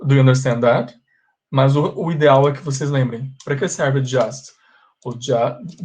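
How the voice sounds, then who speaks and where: A man with a Brazilian accent, teaching a live class as an English teacher. He repeats examples slowly and puts questions to his students. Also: mid-range voice, a little mellow, breathy edge. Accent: Brazilian Portuguese.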